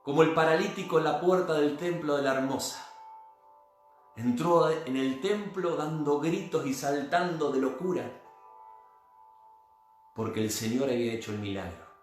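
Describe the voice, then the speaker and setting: A man with an Argentine accent preaching a sermon, swinging between loud cries and hushed tones. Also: on the high side, moderate pace, pauses often. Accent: Argentine Spanish. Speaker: pastor. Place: church. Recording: very echoey church hall with faint music.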